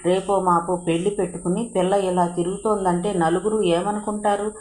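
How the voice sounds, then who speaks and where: A woman's voice: lowish voice, level tone, normal speed, a little mellow, lightly acted. A woman reading the lines of a scolding, complaining old grandmother in a storybook reading, in a roomy, echoey space. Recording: roomy echo.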